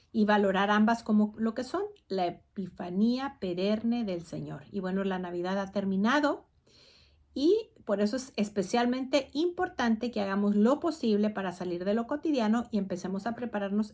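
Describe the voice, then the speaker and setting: A woman's voice: medium pitch, a little mellow. Woman reading devotional doctrine aloud. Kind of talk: religious talk show.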